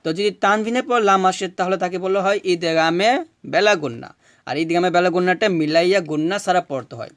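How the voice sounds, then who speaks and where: High, smooth man teaching recitation. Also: a bit bright, dry recording, studio quality. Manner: slow, drawn-out chanting of verses between patient explanations; asks students questions and answers them himself. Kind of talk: recitation lesson.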